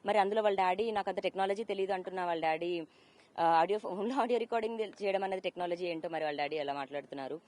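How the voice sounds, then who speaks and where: A woman in her 30s with a fairly low, darkish voice and a steady tone races through a personal account as an interview guest. She code-mixes English words into her talk.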